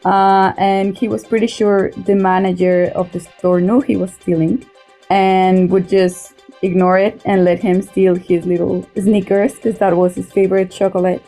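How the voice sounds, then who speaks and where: Mellow-voiced woman from Mexico. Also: medium pitch, flat delivery, moderate pace, faint music behind. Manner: a bit nervous, hesitant fillers. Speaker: podcast guest. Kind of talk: casual podcast chat.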